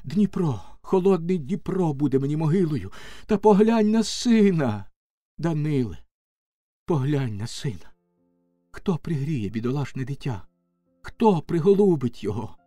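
Guy doing a frantic young cossack wife, pitched way up, begging and crying out, storybook reading. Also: warm tone, no room sound. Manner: tearful, pleading outcries.

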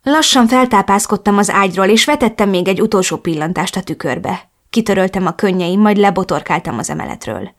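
A woman's voice: medium pitch, expressive. A woman reading a first-person novel as an audiobook, with a melancholic and emotional storytelling manner. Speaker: audiobook narrator.

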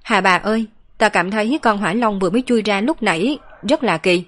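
A woman voicing a lively, playful young girl in an audiobook, chattering and teasing. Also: medium pitch, fairly quick, close to an everyday voice. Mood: musing.

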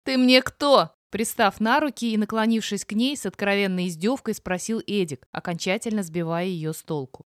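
A woman narrating a novel in an expressive, dramatic reading. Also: medium pitch, fairly quick, hardly any pauses, dry recording, studio quality. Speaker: audiobook narrator. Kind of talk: scripted audiobook narration.

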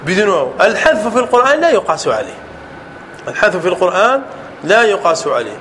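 A man teaching a grammar lesson to a class. He checks with his students often, repeats words, and stretches key words out slowly. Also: high-pitched, sing-song, fairly bright tone, slight background noise.

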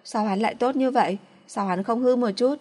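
A woman's voice: mid-range voice, moderate pace, natural voice. A woman voicing a drunk, spoiled young woman who sulks and pleads in a slurred, petulant way. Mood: tearful.

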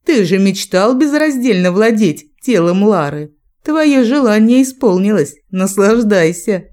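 A stern dark lord father, voiced by a woman who speaks with a mocking edge. The voice is warm and mellow in tone, read as a storybook. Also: fairly low pitch, steady tone, normal speed, clean tone, lightly acted.

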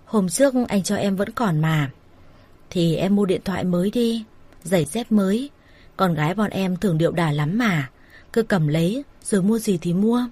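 A woman's voice: mid-range voice, moderate pace, dark tone, husky, close to an everyday voice. A woman voicing a persuasive older brother who coaxes his younger sister in an everyday voice. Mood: coaxing. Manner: coaxing, persuasive. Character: coaxing older brother, a smooth-talking manager.

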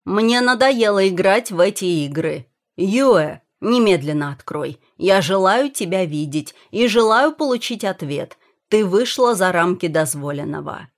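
A woman's voice: on the low side, a little slow, hardly any pauses. Brief: woman reading an imperious young prince, hot-tempered, barks orders. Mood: angry. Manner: commanding, shouting. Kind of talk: audiobook character voice.

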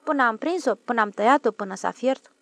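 A woman's voice: a little high, expressive, a bit bright, dry recording, pitched above the performer's own voice. A woman voicing a blunt, plain-spoken rustic railway switchman in an audiobook. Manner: blunt, plain-spoken, deferential to his boss. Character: gruff rustic middle-aged male railway switchman. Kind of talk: audiobook character voice.

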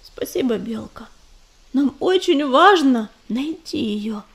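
A gentle medicine she-cat in a storybook, speaking softly and almost in a whisper, full of quiet worry, as a woman reader puts her on. Her words come low and hushed. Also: lively intonation, slow, heavily acted. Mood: worried.

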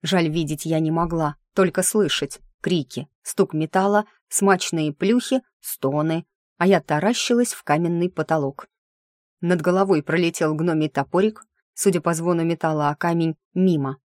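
A woman's voice: on the low side, normal speed, a little mellow, no room sound. A woman reading a first-person audiobook in a wry, sardonic inner-monologue manner, close to the mic. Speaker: audiobook narrator.

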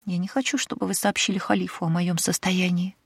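A woman voicing a cheeky, sharp-tongued young maidservant in an audiobook, with a mocking, teasing manner. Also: mid-range voice, brisk, no echo, studio quality, pitched above the performer's own voice, lightly acted.

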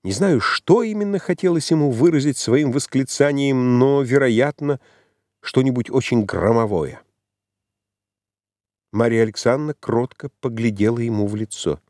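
A man reading a classic novel as an audiobook, narrating in an expressive, dramatic way. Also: medium pitch, normal speed, no room sound, clean studio sound. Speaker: audiobook reader.

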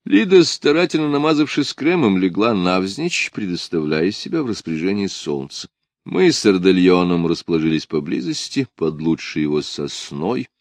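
Male audiobook narrator, low and expressive; dry close-mic read. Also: normal speed, no room sound.

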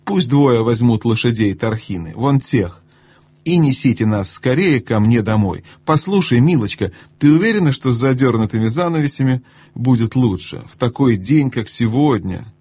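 A man's voice: medium pitch, lively intonation, moderate pace, darkish tone, husky, dry recording. A man voicing a vain, chattering young noblewoman who gushes languidly over trifles in an audiobook.

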